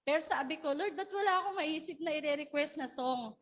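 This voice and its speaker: A woman pastor, preaching a sermon in a lively, laughing way and calling on the congregation to shout. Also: high-pitched, fairly quick. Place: church service.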